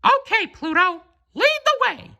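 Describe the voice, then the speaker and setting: An eager little cartoon mouse speaks in a very high, squeaky falsetto. He is kindly and earnest, with a bright, lively swing to every line. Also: measured pace, gravelly, full character voice. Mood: concerned, eager. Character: Mickey Mouse, cheerful little male cartoon mouse.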